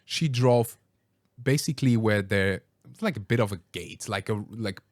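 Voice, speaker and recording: A man hosting a podcast, telling a story in a casual, animated way, acting out quoted lines and hesitating with ums and restarts. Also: on the low side, normal speed, no room sound, clean studio sound. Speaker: podcast host.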